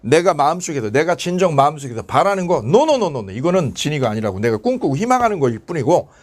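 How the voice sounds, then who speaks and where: Animated male exam-prep lecturer. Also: fairly high pitch, fast. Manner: animated, asks and answers his own questions.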